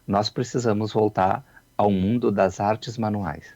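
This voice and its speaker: A man's voice: fairly low pitch, fairly even intonation, a little slow, darkish tone, no echo, dull audio. A man, a childhood researcher, explaining his views on a radio show, reflective and full of "né?" tags. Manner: reflective, repeats words, many "né?" tags.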